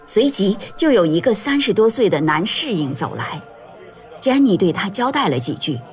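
A woman narrates an audiobook in a gentle, measured way. Her pitch moves lively across each sentence. Faint music plays underneath her voice. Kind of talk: scripted narration.

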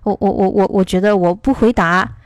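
Brief: chatty woman teacher from China, mid-pitched, dry close sound, loose explanatory talk. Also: fairly even intonation, normal speed, no echo. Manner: rambling, explanatory. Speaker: English teacher. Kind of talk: casual online lesson.

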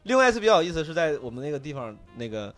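Guy in his 30s rattling off a story super fast, pitch jumping all over, cusses a lot. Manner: animated, rapid, laughing, swearing freely. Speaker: comedy podcast guest. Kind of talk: casual storytelling.

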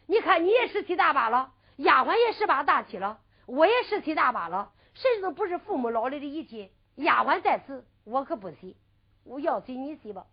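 A sly young man in disguise, put on by a woman storyteller, grumbling under his breath and whining his stubborn refusals. The voice sits high and swoops lively. The old recording sounds dull and lo-fi. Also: a little fast. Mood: stubborn pleading. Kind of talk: traditional storytelling with sung ballad.

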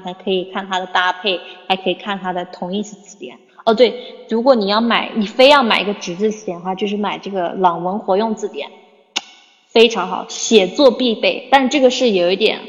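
A woman English teacher talking bluntly in a casual livestream Q&A, reading out viewer questions and scolding a little. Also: mid-range voice. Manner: reads viewer questions aloud. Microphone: phone. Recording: dull lo-fi phone livestream with long reverb.

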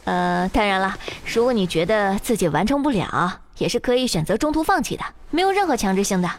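A woman's voice: medium pitch, big pitch swings, brisk. A woman voicing a sadistic female lab examiner who coaxes like a big sister, then shrieks orders, in an audio drama with faint music. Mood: coaxing. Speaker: examiner Teacher Zhou.

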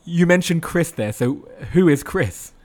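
A man's voice: a little high, animated, unhurried, a little mellow. A man hosting a conversational interview, putting questions to a guest. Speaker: interviewer, host.

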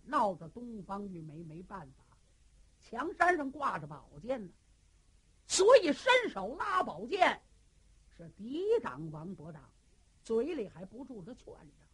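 Woman telling a traditional tale, lively. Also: mid-range voice, a little slow, husky. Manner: lively, dramatic, acts out every character. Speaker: storyteller. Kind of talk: traditional Chinese storytelling performance.

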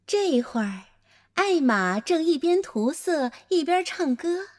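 Playful woman storyteller for a children's story, high and lively, unhurried. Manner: animated, playful.

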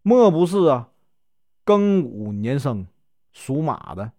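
A man's voice: mid-range voice, very animated, slow, no room sound. A man voicing a deaf, talkative old aunt who fusses over her guest and scolds her giggling girl. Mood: fussy, chatty. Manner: talkative, fussy, scolds loudly.

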